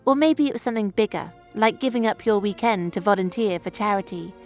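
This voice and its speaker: Woman, scripted tutorial, clear, engaging, average pitch, faint music. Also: brisk, darkish tone. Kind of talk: scripted educational narration.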